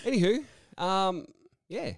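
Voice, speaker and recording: A man's voice: high voice, lively intonation, takes it slowly, dry recording, clean studio sound. A man hosting a radio show, chatting casually and joking with his co-hosts. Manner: chatty, joking, laughs often. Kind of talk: casual on-air chat. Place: radio studio.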